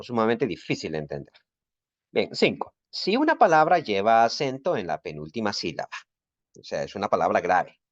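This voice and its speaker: Guy teaching greek grammar step by step, deep-ish voice, dry lo-fi recording. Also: dry recording. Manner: patient, methodical explaining. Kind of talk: recorded video lesson.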